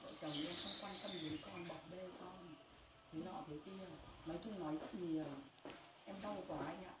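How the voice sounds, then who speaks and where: A woman's voice: lowish voice, fairly even intonation, normal speed. A grieving middle-aged mother speaking in a pained, insistent way and repeating herself, during a heated family confrontation. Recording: echoey room, distant mic, noisy background.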